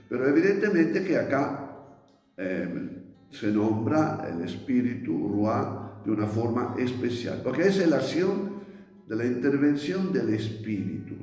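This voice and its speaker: A man slowly teaching a Bible lesson in a reflective way, with many restarts and pauses. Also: mid-range voice, mellow. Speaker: priest teaching a Bible study. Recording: echoey hall with faint music.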